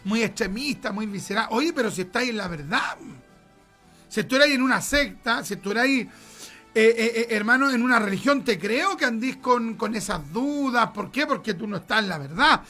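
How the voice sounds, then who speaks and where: A man's voice: very high-pitched, animated, moderate pace, pushed and bright, faint music behind. A middle-aged man with a Chilean accent preaching a sermon, emphatic, repeating words for stress and acting out conversations. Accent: Chilean Spanish.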